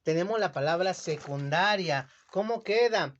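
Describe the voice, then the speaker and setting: A man teaching children a lesson, speaking slowly and carefully and stretching words out syllable by syllable. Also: high-pitched, expressive. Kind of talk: classroom lesson explanation. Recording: dull lo-fi sound.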